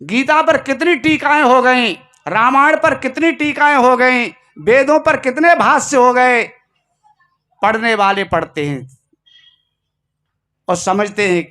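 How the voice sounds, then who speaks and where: A man's voice: very high voice, slow, bright, forceful tone. A man giving a Hindi sermon as a spiritual teacher, telling stories and repeating key lines for emphasis.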